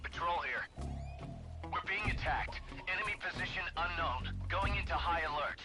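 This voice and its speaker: An actor playing an enemy patrol soldier giving a clipped, urgent report over a crackly field radio. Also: male voice, fairly high pitch, moderate pace. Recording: game audio with music behind.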